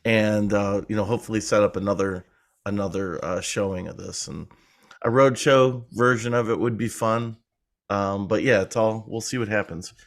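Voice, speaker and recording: Rambling, conversational man, lowish voice. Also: fairly even intonation, moderate pace. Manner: rambling and conversational, self-deprecating. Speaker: guest, film producer. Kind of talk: casual podcast interview.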